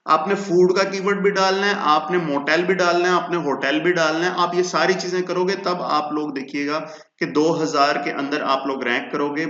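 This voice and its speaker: A man's voice: fairly high pitch, pushed and bright. Chatty man in an echoey room. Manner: chatty, addresses listeners as brother, mixes in English. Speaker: freelancing tutor and podcast host. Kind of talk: casual tutorial talk. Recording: echoey room, dull lo-fi sound.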